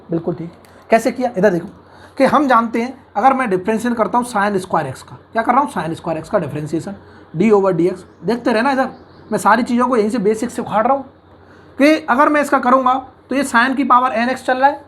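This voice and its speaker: A man's voice: very high voice, fairly bright tone. A man teaching engineering mathematics in an online lecture, coaxing the class with constant questions and acting out imagined student objections. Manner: brisk, coaxing teacher who asks the class questions and answers them.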